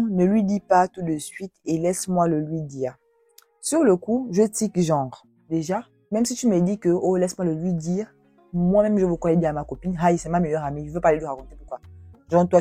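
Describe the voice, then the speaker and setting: A young woman YouTuber telling viewers' love stories and reacting to them in an expressive, exclaiming way. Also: fairly low pitch, breathy edge, no room sound. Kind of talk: storytelling with commentary.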